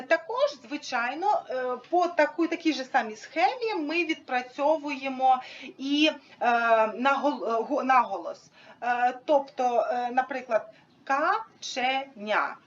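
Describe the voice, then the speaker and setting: A woman's voice: high-pitched, highs cut off, slight background noise. A woman explaining a teaching method to an audience in an informal, hesitant way, with many fillers, demonstrating with props. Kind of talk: informal instructional talk.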